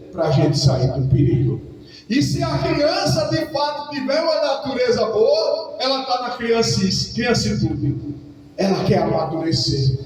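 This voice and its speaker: Man preaching in an echoey hall. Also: high-pitched. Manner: animated preaching, swings between shouts and quiet asides. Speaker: pastor. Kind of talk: sermon. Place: church hall. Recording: echoey hall, distant mic, faint music.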